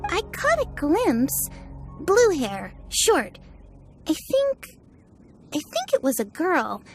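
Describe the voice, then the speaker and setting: A young passerby, talks in a very high, highly expressive voice. She sounds helpful and a little puzzled as a game character, with faint music underneath. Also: takes it slowly, exaggerated voice. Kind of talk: video game character acting.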